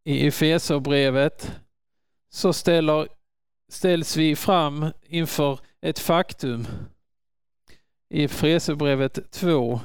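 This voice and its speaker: A man preaching a sermon in an earnest manner, rising to loud calls when quoting. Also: fairly high pitch, smooth, dry recording, studio quality.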